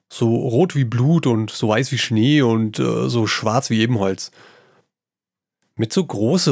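A man giving a gruff, salty performed reading of a comic story, in the voice of an old sailor yarning to children. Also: medium pitch, a little mellow, no room sound, studio quality.

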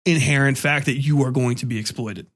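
A man's voice: mid-range voice, fairly quick. A man in casual conversation, talking bluntly and without polish, swearing freely as he makes his points. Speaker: interview participant, writer and military veteran.

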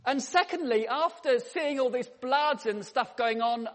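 A man with a very high-pitched, unhurried voice preaches a sermon in a church. He tells humorous anecdotes with a dry touch, and the church hall gives the recording a long reverb.

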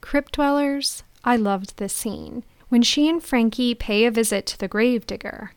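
A woman's voice: fairly high pitch, moderate pace, clear, resonant tone, no echo. A woman podcast host giving scripted film commentary in a playful, theatrical storytelling manner.

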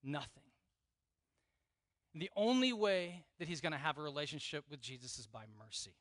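A man's voice: fairly high pitch, big pitch swings, moderate pace, no echo. A middle-aged man preaching a conversational, earnest sermon as pastor. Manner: conversational, earnest preaching with quiet emphatic repeats.

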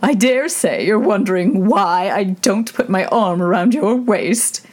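A woman's voice: mid-range voice, voice pushed up, natural voice. A woman voicing a fussy old duchess who drags out her words pompously, as if moralizing. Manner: slow, drawn-out and pompous.

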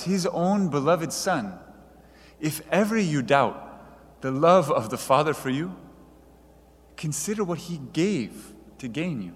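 A man preaching a sermon in an earnest, measured way, reading quoted passages aloud. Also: a little high, long reverb tail.

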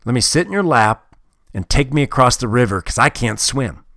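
A sly snake who coaxes a child to carry him and then shrugs off his broken promise, as a man puts him on while telling a story. The voice stays close to the storyteller's own, a touch lower and quieter in places. It sounds dry and close to the mic. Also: expressive, moderate pace, no echo. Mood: coaxing. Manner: coaxing, then smug.

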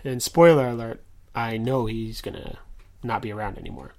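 A man's voice: medium pitch, normal speed, vocal fry. Rambling young man hosting a podcast. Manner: rambling, many fillers and restarts. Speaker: podcast host and game master. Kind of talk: casual chat.

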